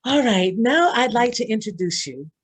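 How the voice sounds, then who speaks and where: A woman's voice: fairly high pitch, lively intonation, normal speed, breathy edge. Enthusiastic woman hosting a live event. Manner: enthusiastic, effusive. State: slightly out of breath. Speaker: event host.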